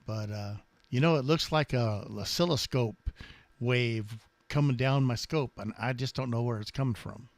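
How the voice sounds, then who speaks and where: Gravelly man, close and dry. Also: mid-range voice, moderate pace, no echo. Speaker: amateur radio operator and live streamer. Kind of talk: casual amateur radio chat.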